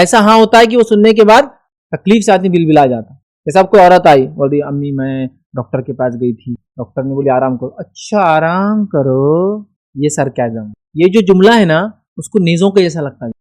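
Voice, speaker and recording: A man's voice: on the high side, darkish tone. A man giving a religious lecture, emphatic and full of rhetorical questions. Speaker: Islamic speaker.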